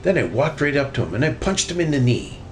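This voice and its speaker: A man voicing a boastful, excitable cartoon duck adventurer from a storybook, in an exclamatory way. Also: a little high, quick pace, slight background noise, pitched above the performer's own voice. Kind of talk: storybook character reading.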